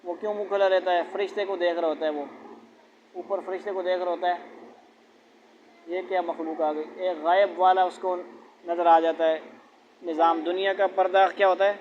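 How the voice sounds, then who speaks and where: High-voiced male Quran teacher. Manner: asks rhetorical questions and repeats letter sounds aloud. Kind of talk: classroom lesson on letter pronunciation. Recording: dull lo-fi with faint noise.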